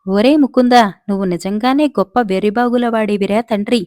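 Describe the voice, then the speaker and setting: A woman's voice: on the high side, fairly quick, darkish tone, dry recording, lightly acted. A woman reads the part of a fretful old servant father, chiding his son in an exasperated voice. The sound is dry and close, with no room around it. It is a storybook telling. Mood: scolding. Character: worried older male royal servant, scolding father.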